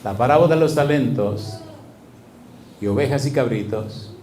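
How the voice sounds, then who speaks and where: A man's voice: medium pitch, moderate pace, darkish tone, a little hiss or hum. A man preaching a sermon, telling a story and acting out the dialogue with laughter. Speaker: pastor. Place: church. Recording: echoey church hall.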